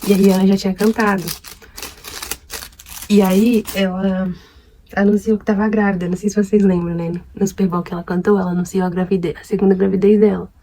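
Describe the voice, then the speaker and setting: A woman's voice: medium pitch, a little fast, a little hiss or hum, low-quality recording. A young woman from Brazil gossiping casually about her dates while doing her makeup. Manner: chatty, gossipy, animated retelling. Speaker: beauty vlogger.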